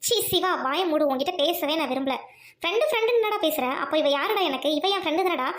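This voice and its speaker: A woman's voice: high-pitched, expressive, quick pace, roomy sound. A woman voicing a stern young female friend who speaks firmly and reproachfully, in an audio drama. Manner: firm, reproachful.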